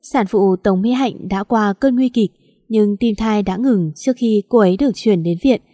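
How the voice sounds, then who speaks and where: A woman's voice: medium pitch, moderate pace, warm tone, no room sound, clean studio sound, lightly acted. A woman voicing a young nurse making a formal, apologetic announcement.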